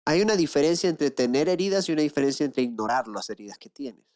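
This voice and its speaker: A man preaching a sermon as an inner-healing coach, lively, acting out the people he quotes with rhetorical questions, slowing down and hushing low to drive points home. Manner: slows down and drops to a low hush for emphasis.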